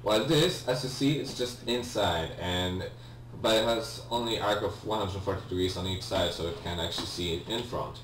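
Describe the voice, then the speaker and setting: Casual, hesitant game commentary comes from a young man with a low, fairly bright voice speaking at normal speed with few pauses. He speaks Polish natively and has a Polish accent, and as a let's-play gamer he apologizes often and restarts amid ums. It's captured in an echoey room on a distant mic over a faint hum.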